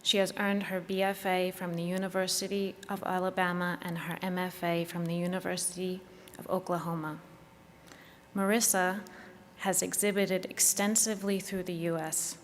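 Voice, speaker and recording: A woman's voice: little pitch movement, moderate pace. A woman giving a formal introduction of a speaker at a conference, reading a bio with some fillers and a light joke, on a lectern mic in a large convention hall. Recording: long hall reverb, faint rumble.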